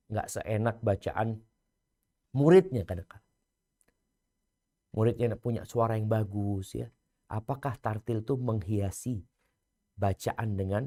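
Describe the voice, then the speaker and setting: A preacher with a lowish voice gives a religious lecture, shifting from loud emphasis to hushed, near-whispered lines and slowly chanting scripture.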